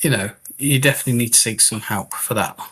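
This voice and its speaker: Husky-voiced man hosting a live stream. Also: mid-range voice, fast, fairly bright tone. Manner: chatty, greets viewers by name, reads comments aloud. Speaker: medium and live-stream host. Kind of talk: casual live-stream chat.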